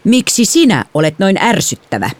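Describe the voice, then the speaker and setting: A woman's voice: medium pitch, very animated, dry recording, voice pushed up. A woman reading an audiobook, voicing a defiant, stubborn teenage girl who snaps back. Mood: snapping. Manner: defiant, snappy.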